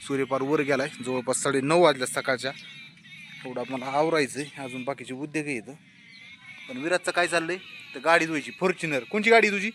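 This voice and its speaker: A man with a bright, forceful voice narrates a casual vlog outdoors by a shop on a rainy morning. He talks to his viewers and gently coaxes a small child along. Faint background noise sits under his voice. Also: mid-range voice. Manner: coaxing, soothing talk to a small child. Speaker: vlogger.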